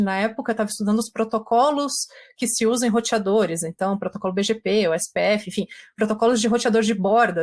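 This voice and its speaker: A woman guest in a casual panel chat, telling her story eagerly. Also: a little high.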